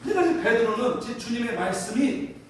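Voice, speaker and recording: A male pastor preaching a sermon in a church, animated and asking the congregation rhetorical questions. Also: very high-pitched, fast talker, a little hiss or hum. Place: church sanctuary. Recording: very echoey hall from a distance.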